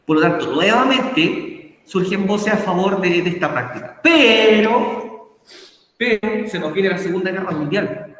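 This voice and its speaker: A man's voice: sits high, lively intonation, a little slow, a bit bright. A Chilean man teaching a philosophy class online, often checking in with the students and asking them questions. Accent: Chilean Spanish. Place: class video call. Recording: very echoey room with long reverb.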